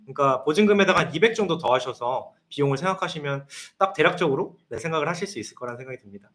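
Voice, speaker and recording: A man in his thirties speaks quickly in a fairly high voice. He is a consultant answering viewer questions on a live stream. He explains things point by point. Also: animated, a bit bright. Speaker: guest consultant.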